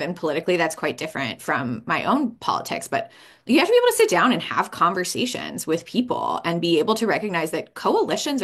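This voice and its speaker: Low, animated woman moderating a panel. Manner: thoughtful, animated, casual fillers. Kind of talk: panel discussion.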